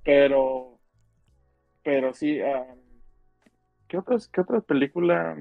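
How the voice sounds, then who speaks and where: A man's voice: medium pitch, slow, gravelly, dry recording, phone-quality sound, soft background music. A man with a northern Mexican accent chatting casually in slang as a podcast co-host, rambling and repeating his phrases. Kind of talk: casual slangy chat about films and music.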